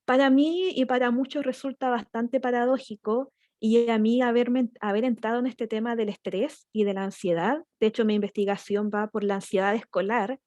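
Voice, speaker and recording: A woman's voice: a little high, fairly even intonation, moderate pace, few pauses, a little mellow, dry recording. A woman giving an explanatory seminar talk on child development, using metaphors and rhetorical questions, and speaking to parents as a fellow parent.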